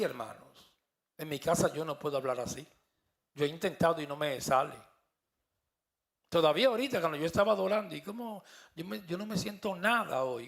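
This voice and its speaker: A man's voice: a little high, gravelly. A man preaching a sermon as pastor, fervent, climbing to emphatic peaks.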